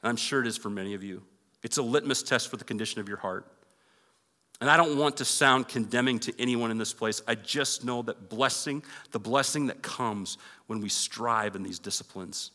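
A man's voice: mid-range voice, moderate pace, bright, forceful tone, long reverb tail. A male pastor preaching a conversational sermon in a church and leading an earnest prayer. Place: church sanctuary.

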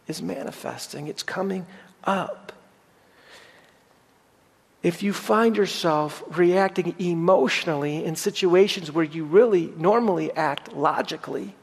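Middle-aged male pastor, earnest sermon delivery, repeats lines for weight, high-pitched, reverberant hall sound. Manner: earnest preaching, repeats phrases for emphasis.

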